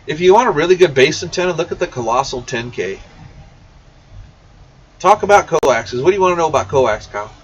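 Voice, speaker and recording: Reading out viewer questions on his CB radio shop livestream, this man keeps things blunt, informal and directed straight at the audience. His husky voice sits a little high and is expressive and fairly quick, with frequent pauses. Faint noise and a dull, far-off mic color the recording.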